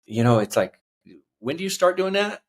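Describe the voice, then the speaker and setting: A man in his fifties, a podcast guest telling his life story earnestly, halting with fillers. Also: high voice, sing-song. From United States. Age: 50s. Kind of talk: reflective personal storytelling.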